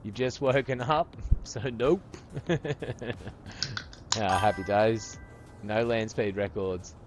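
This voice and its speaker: Aussie bloke around fifty chatting on stream, kinda low voice, swears a lot, calls everyone bro. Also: male voice, takes it slowly. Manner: laid-back, swears freely, keeps calling viewers brother. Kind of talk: casual live-stream chat while gaming. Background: faint music.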